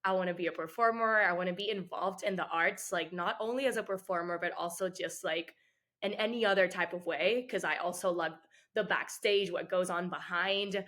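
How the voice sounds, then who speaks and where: A woman's voice: on the low side, normal speed. A woman in her twenties from Puerto Rico, a dancer answering interview questions in a chatty way, with frequent "like" fillers. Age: 20s. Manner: chatty, many "like" fillers, soft-spoken. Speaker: guest, dancer.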